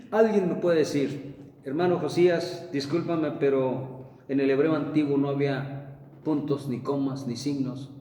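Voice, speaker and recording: A man's voice: warm tone, a little hiss or hum. Male preacher, emphatic sermon delivery, recorded far off in a reverberant hall. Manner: emphatic, rises for quotes then drops low. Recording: echoey room heard from a distance.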